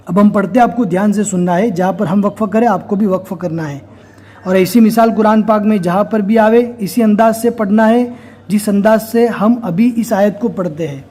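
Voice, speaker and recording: High-voiced man teaching Quran reading. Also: warm tone. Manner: explains slowly and step by step, then recites in a slow chanting voice. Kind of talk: recorded recitation lesson.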